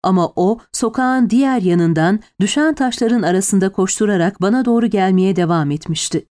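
Woman narrating an audiobook, mid pitch. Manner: steady, measured storytelling. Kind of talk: scripted narration.

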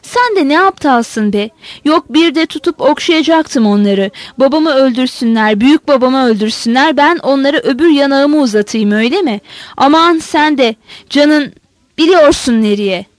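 A woman reading the part of a cruel young Cossack man who shouts hoarse, furious threats. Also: high voice, lively intonation, moderate pace, dry recording.

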